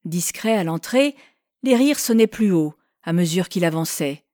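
A woman with a lowish voice narrates a classic novel in a measured, expressive way. The recording is dry and close, with no room sound. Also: no echo. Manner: measured, expressive literary reading. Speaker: audiobook narrator.

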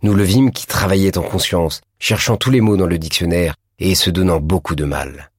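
A man narrating a classic novel in a measured, deliberate reading. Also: low-pitched, slightly rough, no echo, clean studio sound. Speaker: audiobook narrator.

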